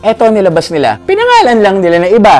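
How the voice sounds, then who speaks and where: A man's voice: high voice, wildly swooping pitch, quick pace, darkish tone, soft background music. A middle-aged man, reviewing perfume in a casual, profane rant that switches between Tagalog and English and keeps tagging lines with "no?". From Philippines. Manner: tags lines with "no?".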